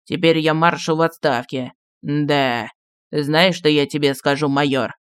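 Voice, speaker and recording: Мужчина-чтец аудиокниги озвучивает старого маршала в отставке, неторопливого и ворчливого, который вспоминает былое. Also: male voice, smooth, no room sound, close to an everyday voice. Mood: confiding. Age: older. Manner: slow, low, grumbling reminiscence. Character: old retired marshal, gruff, nostalgic, secretive.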